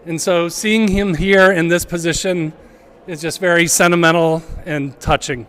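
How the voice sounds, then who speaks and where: A man with a notably high voice addresses a gallery gathering in a relaxed, unscripted way. He pushes his voice out to reach the room and pauses often to find his words. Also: clear, resonant tone. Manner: projecting to a room, hesitant with fillers. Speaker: college department chair giving remarks. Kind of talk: casual public remarks. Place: art gallery event, indoors.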